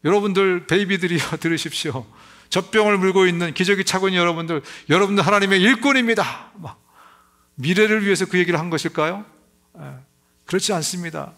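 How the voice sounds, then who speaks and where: A man's voice: high-pitched, fast talker, fairly bright tone. A middle-aged male pastor preaching emphatically, who raises his voice when he acts out crying babies. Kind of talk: sermon.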